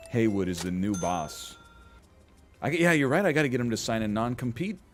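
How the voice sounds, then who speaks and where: A man's voice: medium pitch, sing-song, moderate pace, soft background music. A man casually commenting on a management game he is playing, goofy and rambling, with playful exclamations. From Canada. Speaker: gaming streamer. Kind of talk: casual let's-play commentary.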